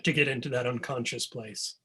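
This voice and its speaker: A man's voice: medium pitch, brisk, slight background noise. A man, a novelist guest, talking casually about his writing over a video call, with many ums and restarts. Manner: rambling, relaxed, many ums.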